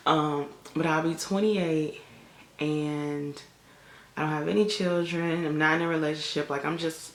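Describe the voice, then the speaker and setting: A chatty young woman from Chicago talks straight to her camera in a loose, candid vlog, her words full of "like" and "um". Her voice has a gravelly, fried edge, and the room around her sounds echoey. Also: low-pitched. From Chicago, United States. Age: 20s. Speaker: vlogger and college lecturer. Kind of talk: casual talking-to-camera vlog. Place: room on a family vacation. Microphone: camera in front of her.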